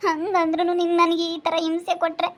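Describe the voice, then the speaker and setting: Woman as a desperate young wife, amateur drama, very high and flat. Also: fairly quick. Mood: tearful. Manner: pleading, then cursing angrily. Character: young wife resisting her brother-in-law, desperate, pleading.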